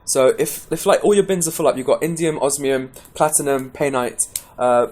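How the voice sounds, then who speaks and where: A man's voice: medium pitch, normal speed, a little mellow. A man giving a casual, rambling gameplay tutorial, chatty and full of restarts. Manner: caffeinated, pepped up. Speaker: game guide presenter.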